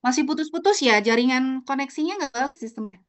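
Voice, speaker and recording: A woman's voice: sits high, lively intonation, quick pace. Woman on a choppy, breaking-up video call. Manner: checking whether she can be heard. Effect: choppy, breaking-up video call audio. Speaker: university lecturer. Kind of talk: online meeting talk. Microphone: computer mic on a video call.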